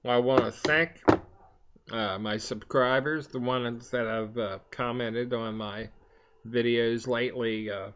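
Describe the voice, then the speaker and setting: An older man chatting casually in a rambling, halting way, talking around the pipe he is puffing on. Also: medium pitch, steady tone, noisy background. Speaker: vlogger. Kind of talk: casual chat to camera. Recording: dull, lo-fi sound.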